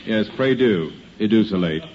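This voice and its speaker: A man's voice: fairly low pitch, expressive, moderate pace, lightly acted. Guy as exasperated american mayor, dry sarcasm, official air, old muffled 1950s radio comedy with hiss. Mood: sarcastic.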